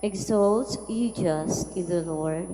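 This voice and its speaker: A woman cantor leading the congregation in slow sung responses, heard in a cathedral echo. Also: on the low side, warm tone. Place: large church. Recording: long church reverb.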